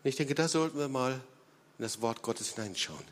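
A man preaching a sermon as pastor, emphatic, with big swings in loudness and frequent hesitation fillers, in a church hall. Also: medium pitch, moderate pace. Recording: long hall reverb.

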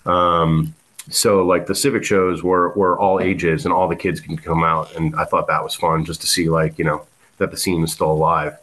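A man's voice: low-pitched, flat delivery, normal speed, a bit bright. A man, a guest musician telling stories in a casual interview, rambling with many fillers and restarts. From South Florida.

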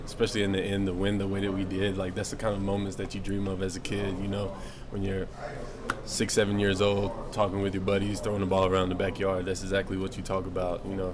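A young man, a college football player, talking in a relaxed post-game interview. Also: low-pitched. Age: young adult. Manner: relaxed, says "you know what I'm saying".

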